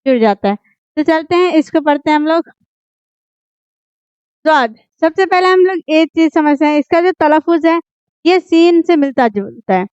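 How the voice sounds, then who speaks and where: High-voiced woman teaching Urdu letters. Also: expressive, normal speed, long pauses, a little mellow, no echo. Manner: patient, repeats checks like "ठीक है?". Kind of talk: explaining script lesson. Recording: dull, dry, lo-fi voice.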